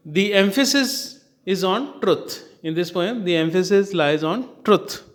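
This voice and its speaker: Slow, repetitive man with an Indian English accent. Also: high voice, a bit bright. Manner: slow, repeats key points for emphasis. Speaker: literature teacher. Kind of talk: classroom lecture.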